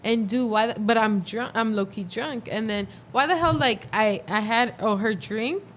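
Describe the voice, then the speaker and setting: Young woman, high-ish, slangy chatter. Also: normal speed, a bit bright. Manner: giggly, slangy storytelling. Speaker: podcast guest. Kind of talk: casual chat.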